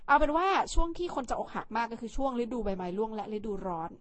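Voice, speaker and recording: A woman hosts her own vlog, chatting casually to the camera. Her voice sits a little high, and her manner is talkative, playful and teasing. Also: big pitch swings, fast talker. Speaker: vlog host.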